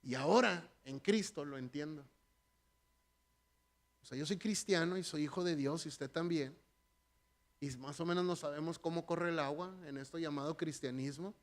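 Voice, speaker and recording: Animated high-voiced preacher. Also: male voice, moderate pace, pauses often. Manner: animated, joking, talks straight to the congregation. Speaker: pastor. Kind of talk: conversational sermon.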